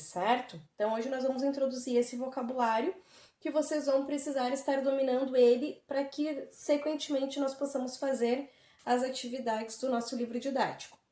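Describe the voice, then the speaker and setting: A woman with a Brazilian Portuguese accent, teaching an English lesson remotely and explaining words slowly and clearly to children. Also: on the high side, a little mellow, roomy sound.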